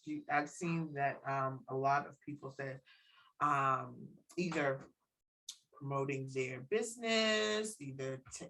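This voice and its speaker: A woman in her forties hosting a casual interview, laughing often and giving quick encouraging replies. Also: low-pitched, fairly bright tone, low-quality recording. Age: 40s. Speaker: host.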